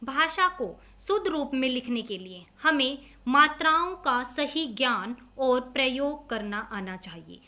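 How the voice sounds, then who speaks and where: A woman teacher giving a lesson to young children, explaining step by step, asking questions and answering them herself, and saying example words slowly and clearly. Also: high-pitched, animated, bright, forceful tone. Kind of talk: online class lesson for children.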